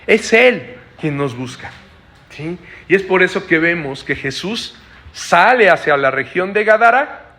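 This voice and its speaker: Male preacher, high bright voice, teaching style with frequent rhetorical tags. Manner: explanatory, asks listeners frequent rhetorical checks. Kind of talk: Bible study preaching.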